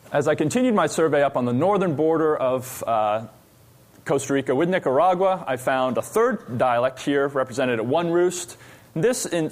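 Male researcher lecturing from the stage, mid pitch, explanatory, halting with fillers. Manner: explanatory, pausing with frequent "uh" fillers. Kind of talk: academic lecture.

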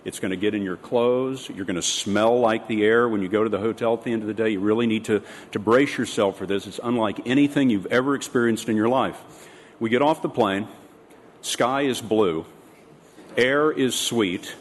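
Measured male moderator in an echoey hall. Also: fairly low pitch. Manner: measured, slows down for emphasis. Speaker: panel moderator. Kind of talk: moderating a conference panel. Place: large conference hall. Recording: echoey hall with faint room noise.

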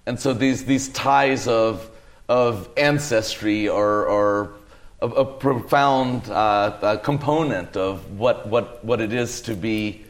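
A man speaks on a discussion panel at a slow, unhurried pace in a fairly low voice. He is deliberate and keeps repeating words while he searches for his phrasing. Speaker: panel speaker, English professor.

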